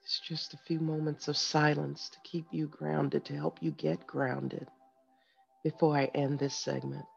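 A man's voice: a little high, little pitch movement, measured pace, gravelly, breathy edge. A man hosting a guided meditation and motivational segment, speaking to listeners directly in short, instructing phrases. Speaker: host of a morning wellness segment. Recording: dull lo-fi sound with music behind. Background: music.

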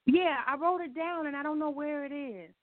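A woman's voice: high voice, moderate pace, dry recording. A woman calling into a radio show over a phone line, cheerful and giggly. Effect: call-in voice over a phone line.

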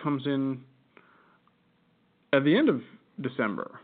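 A man's voice: medium pitch, big pitch swings, takes it slowly. Casting: American guy, podcast co-host, rambling laughing storyteller, thin phone-line sound. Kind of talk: casual chat. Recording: tinny phone-like audio.

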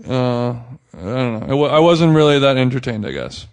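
A man's voice: medium pitch, expressive, moderate pace. A man co-hosting a podcast in casual chat, rambling and hedging his opinions with lots of fillers. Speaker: podcast co-host.

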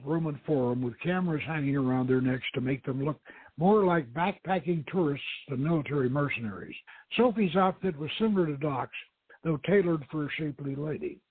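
Over a tinny, band-limited radio stream with roomy echo, a man narrates an adventure story in dramatic audiobook style, acting as narrator and host. His voice sits on the high side with a breathy edge.

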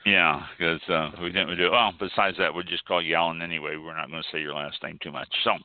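A man's voice: deep voice, steady tone, quick pace, clear, resonant tone, no echo. A man hosting a live radio wine show, chatting casually and laughing now and then. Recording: phone-line sound.

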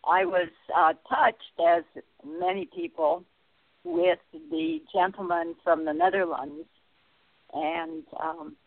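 A woman calling in to a radio show. Her voice comes through a distant, tinny phone line, as if from inside a tin can, and she talks haltingly, searching for words. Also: on the low side, very animated, gravelly, no room sound. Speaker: caller. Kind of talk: call-in radio talk.

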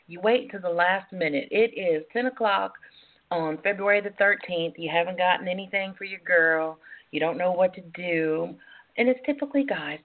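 A woman hosting a casual, chatty radio show, talking to listeners in a sassy, playful, familiar way. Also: medium pitch. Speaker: radio talk show host. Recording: lo-fi, tinny phone-line internet radio.

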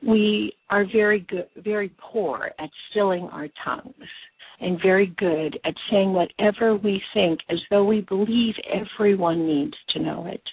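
A woman leads a guided breathwork meditation like a spiritual healer, in a breathy, soothing delivery with deliberate pauses. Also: medium pitch. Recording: muffled phone-like sound in an echoey room.

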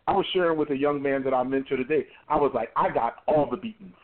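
A man's voice: medium pitch, quick pace. Emphatic pastor in his forties, phone-line sound. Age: 40s. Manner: emphatic, repeats words while building a point. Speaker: pastor and interview guest. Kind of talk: conversational interview. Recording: tinny phone-line audio.

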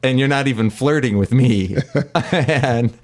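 A man's voice: mid-range voice, measured pace. A man who hosts a comedy podcast and works as a voice actor, asking questions in a playful, teasing, flirty way.

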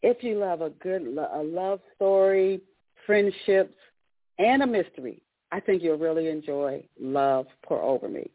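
On the low side and at a measured pace, this woman hosts a book interview program as a radio call-in, introducing her guest in warm, chatty, repetitive fashion with restarts. The phone line is dry and tinny, with no room sound.

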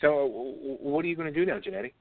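A man's voice: medium pitch, animated, very fast, no echo. A man co-hosting a show, calling in over a phone line and chatting loosely with lots of fillers. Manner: loose and rambling, with many fillers. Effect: heard over a phone line. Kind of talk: casual chat. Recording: tinny, dry phone line.

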